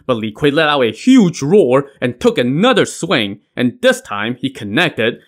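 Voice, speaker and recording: A man's voice: medium pitch, a bit bright. Guy narrating a story podcast, wry, dry little asides.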